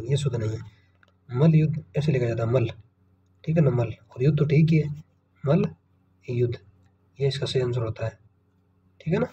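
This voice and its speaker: A man's voice: a little high, warm tone, far from the mic. A man teaching, working through exam questions one by one and thinking aloud over each option, often checking in with his students. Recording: muffled, from the mic, faint room noise.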